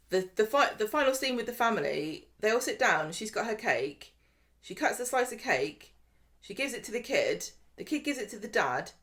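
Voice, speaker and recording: Woman, very expressive pitch, casual podcast chat, incredulous. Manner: animated, incredulous, rapid complaints. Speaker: podcast co-host.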